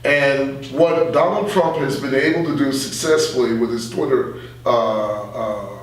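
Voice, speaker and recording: A middle-aged man with a mid-range voice is a guest on a radio journalist's conversational political interview. He sounds earnest and halting, repeating phrases, and is recorded far from the mic in a very echoey room.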